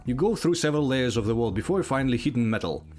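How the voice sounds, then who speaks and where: A man's voice: medium pitch, lively intonation, fast, darkish tone, faint music behind. A man reading out and narrating a text adventure game, casual, with asides.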